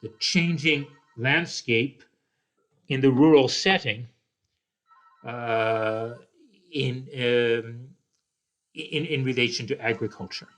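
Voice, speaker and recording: A man's voice: mid-range voice, a bit bright. A man teaching a poetry lesson, explaining carefully and often checking in with "okay?", with some restarts and "uh" fillers. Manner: slow, deliberate explaining with frequent "okay?" check-ins. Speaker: literature teacher. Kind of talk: recorded poetry lecture.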